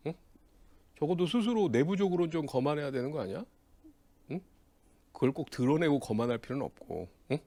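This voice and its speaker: Blunt male lecturer with a lively voice. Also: on the high side, brisk, long pauses, dry recording. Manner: tags sentences with a questioning "eh?"; acts out quoted dialogue in lively voices. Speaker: accounting exam lecturer. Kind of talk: lecture with personal anecdotes.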